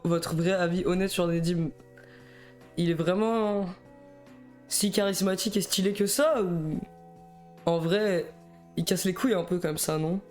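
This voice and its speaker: A man's voice: high voice, a little mellow. A young man with a Belgian French accent streaming alone, chatting in a rambling, nervous way, stammering and often laughing. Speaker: livestreamer. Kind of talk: casual live-stream chat.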